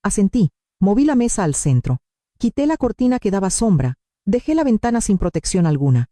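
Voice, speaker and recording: Calm, measured woman narrator for a scripted story; very dark, dry sound. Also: mid-range voice, dry recording. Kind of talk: scripted first-person narration.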